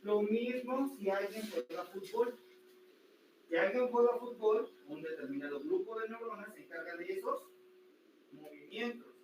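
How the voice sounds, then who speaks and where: A man teaching anatomy to a class, lively and full of rhetorical questions to his students. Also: sits high, moderate pace. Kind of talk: classroom lecture. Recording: echoey room, distant mic, noisy.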